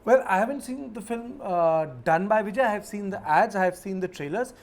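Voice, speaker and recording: A man's voice: sits high, expressive, brisk. Man commenting on a news panel.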